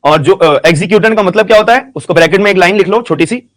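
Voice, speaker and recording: A man teaching a law class, speaking slowly and repeating questions and answers so students can write them down, with phrases. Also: sits high. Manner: slow dictation, repeats questions and answers, frequent "ठीक है" checks. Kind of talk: classroom lecture.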